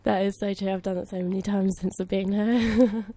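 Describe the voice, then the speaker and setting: Gravelly-voiced young woman co-host. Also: medium pitch, steady tone, dark tone. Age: young adult. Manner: laughs often, quick agreeing replies. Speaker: podcast co-host. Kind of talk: casual chat.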